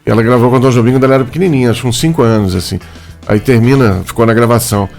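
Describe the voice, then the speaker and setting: A Brazilian man hosts a studio radio interview in a loose, joking manner, dropping tags and fillers as he goes. His voice has a gravelly edge. Soft music sits faintly under him. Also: medium pitch, racing. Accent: Brazilian Portuguese. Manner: chatty, jokey, filler-heavy. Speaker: radio host. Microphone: studio microphone.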